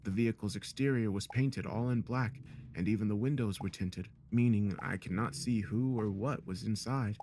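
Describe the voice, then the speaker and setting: A man reading a first-person horror story as narrator in a steady, measured way. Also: fairly low pitch. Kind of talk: scripted narration.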